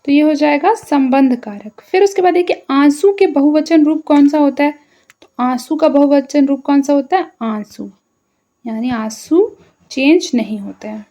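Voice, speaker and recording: A woman teacher giving an exam-prep language lesson, explaining slowly and repeating each term with a frequent "okay". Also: high voice, warm tone. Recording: dull lo-fi audio.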